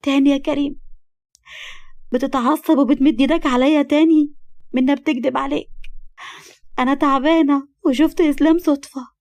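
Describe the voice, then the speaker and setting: Brief: hurt young wife, voiced by a woman storyteller, Egyptian accent, timid and pleading, quick. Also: a little high, fairly even intonation, no echo, natural voice. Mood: tearful. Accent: Egyptian Arabic.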